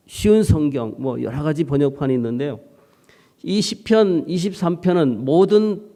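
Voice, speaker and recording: Male pastor, conversational sermon; slightly high, resonant, long church reverb. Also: warm tone. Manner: conversational, hesitant with fillers. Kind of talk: early-morning sermon. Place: church sanctuary.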